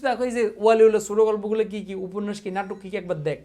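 Teasing coaching teacher. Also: male voice, sits high, fairly even intonation, racing, warm tone. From Bangladesh. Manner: teasing, repeats questions, mock threats, drills students. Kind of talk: casual exam-prep class.

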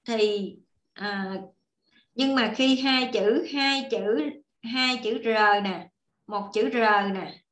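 A woman's voice: on the high side, slow pace. Woman, patient teacher, casual online class, echoey audio. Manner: patient, repeats and demonstrates while writing. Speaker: Korean language teacher.

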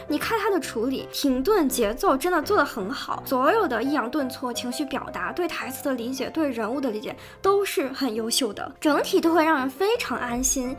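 Brief: sarcastic woman commentator, high and very animated. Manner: sharp and sarcastic. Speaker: video commentator. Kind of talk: critical video commentary.

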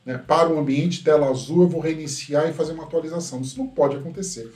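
Man, critical casual commentary, mellow dark voice, roomy echo. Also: fairly high pitch, fast talker. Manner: critical, tags sentences with a questioning "right?". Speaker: host, tech commentator. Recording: roomy echo from a distant mic.

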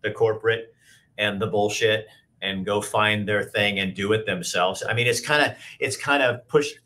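A man's voice: lowish voice, steady tone, moderate pace, sharp tone. A man in his fifties hosting an interview over a video call, talking in loose, rambling sentences with frequent restarts. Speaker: host. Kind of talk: casual interview chat. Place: indoor office with brick wall. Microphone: video call webcam.

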